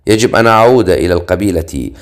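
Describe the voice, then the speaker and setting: A man voicing a calm, cold young swordsman who answers in curt words. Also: sits low, fast talker.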